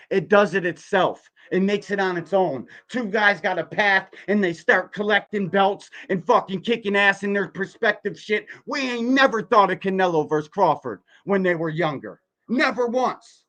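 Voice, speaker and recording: This man in his forties hosts a reaction livestream, his voice sitting high with a fairly bright tone. Reacting to a video like a podcast host, he delivers blunt, profane, emphatic commentary packed with rhetorical questions.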